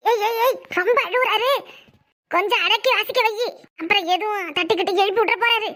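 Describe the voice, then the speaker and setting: A woman's voice: very high-pitched, a little fast, bright, forceful tone. A woman voicing a scheming village woman in a cartoon, who wails in mock grief and gossips slyly. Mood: sly, mock grieving. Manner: wailing, gossipy, sly. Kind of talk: Tamil cartoon voice acting.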